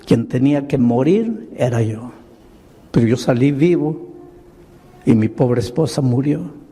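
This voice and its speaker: A grieving middle-aged man who once drank heavily, confessing in a pleading, tearful way, as a preacher puts him on. His husky voice moves slowly, and a large hall's long reverb trails every phrase. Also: medium pitch, animated, mellow. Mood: remorseful.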